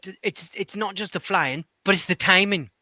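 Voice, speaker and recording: A man's voice: high voice, moderate pace, bright, forceful tone. A man with an Irish accent who co-hosts and chats casually, laughing often and repeating himself. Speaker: co-host. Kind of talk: casual chat.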